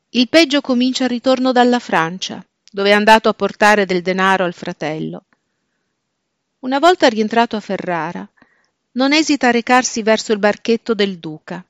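Woman reading a measured summary, dull. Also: mid-range voice, dry recording. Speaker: book presenter. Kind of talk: scripted narration. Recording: dull, dry lo-fi recording.

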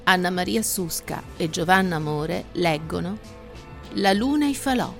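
A woman hosting a literary segment, introducing and summarizing a novel in clear, even scripted narration. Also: lowish voice, moderate pace. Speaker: host of a book segment. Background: faint music.

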